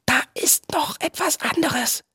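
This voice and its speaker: A man's voice: medium pitch, a little slow, creaky, slightly rough, no echo, studio quality, exaggerated voice. A man voicing a timid, anxious young boy who whispers fearfully.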